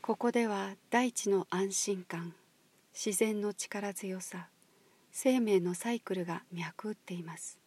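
A woman leading a guided meditation, talking in a soft, slow, breathy near-whisper. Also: medium pitch. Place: outdoors at a highland marsh.

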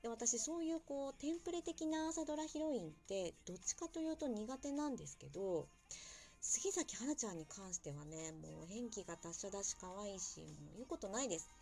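A woman's voice: mid-range voice, animated, fairly quick, gravelly, mellow, soft background music. A young woman hosting a casual solo talk show, chatty and self-deprecating, with playful asides. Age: young adult. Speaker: podcast host.

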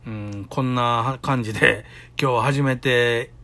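A man's voice: mid-range voice, fairly even intonation, unhurried, bright, forceful tone. A middle-aged man with a Kansai accent, chatting alone into his podcast and acting out the voices in his stories. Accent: Kansai Japanese. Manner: chatty storytelling, acts out quoted voices. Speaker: solo podcaster. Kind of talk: casual solo talk.

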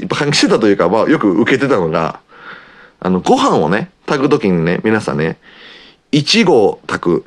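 A talkative man with an Osaka Kansai accent, chatting on his own radio-style podcast. His voice sits low but swings up and down a lot as he rambles along. He keeps filling pauses as he goes. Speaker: podcast host, pro wrestler. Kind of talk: casual solo radio-style talk.

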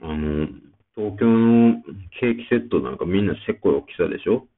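A man's voice: on the low side, animated, moderate pace. A man with a Kansai accent, hosting a casual solo talk show and rambling chattily with plenty of fillers. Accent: Kansai Japanese. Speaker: podcast host. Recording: tinny phone-like sound.

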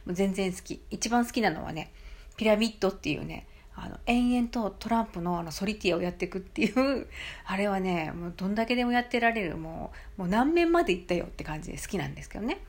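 A woman's voice: mid-range voice, expressive, fast. A middle-aged woman, chatting alone on her podcast and telling a story with many fillers. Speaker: podcast host. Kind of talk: casual solo talk.

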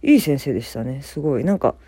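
A woman's voice: rumbling low, expressive, fast talker, dark tone, husky, no room sound. A young woman from Fukuoka hosting a casual solo talk, chatty and self-deprecating, laughing often as she speaks. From Fukuoka, Japan. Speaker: podcast host.

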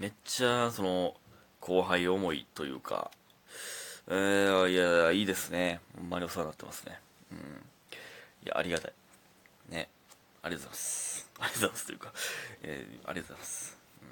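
Laid-back Kansai man, lively low voice. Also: vocal fry. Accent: Kansai Japanese. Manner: laid-back, rambling storytelling. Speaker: comedian podcast host. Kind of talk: casual solo talk show.

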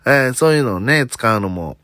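A man's voice: medium pitch, lively intonation, fairly quick, sharp tone, no room sound, clean studio sound. A man from Osaka talking casually in a solo podcast, mostly in standard Japanese with faint Kansai traces, chatty and self-deprecating. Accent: slight Tokyo-leaning standard Japanese with faint Kansai traces. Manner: chatty, self-deprecating, frequent "un" fillers and joking asides. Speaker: comedian hosting a solo talk podcast.

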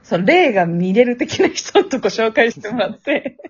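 A woman's voice: a little high, big pitch swings, moderate pace, breathy edge. A young woman with a Kansai accent, chatting casually on a podcast and telling a spooky story, laughing often. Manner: chatty, laughs often, acts out phone voices. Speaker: podcast co-host. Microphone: app recording over phone. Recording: dull lo-fi app recording.

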